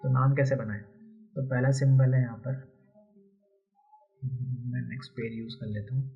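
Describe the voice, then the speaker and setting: A man's voice: mid-range voice, steady tone, normal speed, husky, soft background music. A man teaching a chemistry lesson, explaining step by step and repeating key terms often. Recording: dull lo-fi recording.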